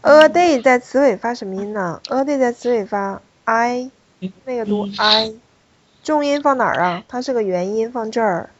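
A woman's voice: a little high, animated, moderate pace, highs cut off, a little hiss or hum. A woman teaching a French pronunciation class, explaining rules step by step and calling on students. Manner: explanatory, repeats key points, calls on students.

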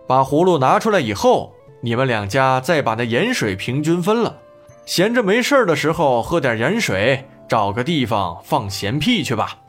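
A shrewd magistrate barks orders and scolds in a firm, raised voice, as a male storyteller puts him on. His lively delivery has soft music running beneath it. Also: medium pitch, moderate pace. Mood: stern. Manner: commanding, scolding.

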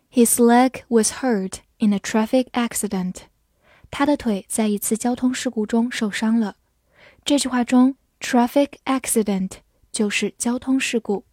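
Slow, mellow-voiced woman teaching vocabulary. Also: fairly high pitch, no room sound, clean studio sound. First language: Chinese. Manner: spells words letter by letter and reads example sentences slowly. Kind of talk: slow scripted vocabulary lesson.

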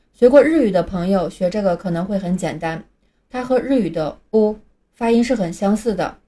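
Mellow-voiced woman teaching English sounds. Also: mid-range voice. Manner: clear, deliberate, spells out words letter by letter. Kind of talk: scripted lesson narration.

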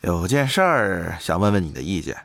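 A woman's voice: a bass voice, big pitch swings, normal speed, gravelly, no room sound, voice pushed down, exaggerated voice. A woman voicing a lazy, shameless female company boss in an audio novel, in an offhand drawl.

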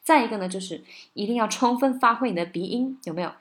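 Woman, singing and pronunciation teacher. Casual spoken lesson, patient and coaxing, checks in often, slows to model words. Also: fairly high pitch. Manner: slows down to model English words, sometimes sings lines.

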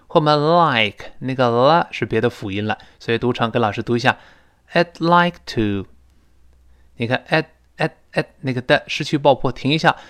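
A man with a Mandarin Chinese accent teaching a spoken English lesson, patiently explaining and slowly modelling phrases for students to repeat. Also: medium pitch, a bit bright.

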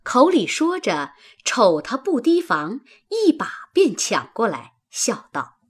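A woman's voice: fairly high pitch, slow pace, slightly rough. A woman reading a classic Chinese novel aloud, narrating expressively and voicing the characters. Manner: expressive, teasing in the maid's lines. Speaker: audiobook narrator.

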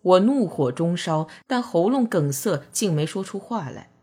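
A woman narrating a novel as an audiobook, in calm, measured storytelling. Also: on the low side, husky.

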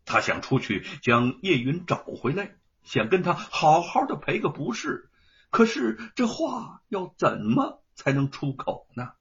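A male storyteller narrates dramatically in a very husky voice. His pitch swings widely, and it sits a little high. The recording is dull and lo-fi. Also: big pitch swings, a little slow, fairly bright tone.

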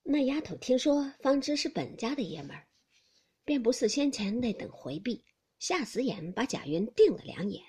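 A woman narrating a classic novel audiobook in an expressive storytelling manner. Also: fairly high pitch, normal speed, husky.

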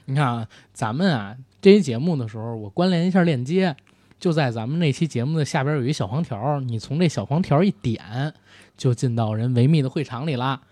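A man's voice: mid-range voice, expressive, brisk, mellow, no room sound. A man chatting as a podcast co-host, teasing and colloquial. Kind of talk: casual comic banter and sales pitch.

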